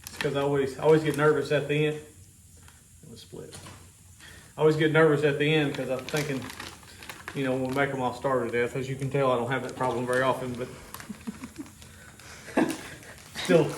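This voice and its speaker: A man's voice: medium pitch, steady tone, normal speed, long pauses, roomy sound, a little hiss or hum. A man casually explaining a home cooking task in a rambling, easygoing, self-joking way. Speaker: homestead vlogger. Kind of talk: casual how-to vlog.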